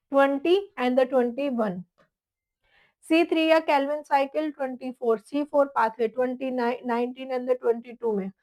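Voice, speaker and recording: A woman's voice: high-pitched, rough recording. A woman teaching an exam-prep biology lesson, listing topics and past question counts and calling her students "beta".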